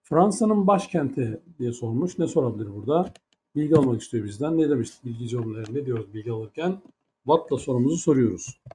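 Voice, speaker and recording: A man's voice: mid-range voice, expressive, a little fast, mellow, slight background noise. A man teaching an English grammar lesson in Turkish, with a Turkish accent in English. He explains patiently, step by step, and asks many rhetorical questions.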